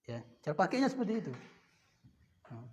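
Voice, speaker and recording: A man's voice: sits high, very animated, a little fast, darkish tone. A man teaching Arabic grammar in a lecture, repeating each word and posing questions he answers himself. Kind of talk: classroom lecture. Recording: dull lo-fi sound in a reverberant hall.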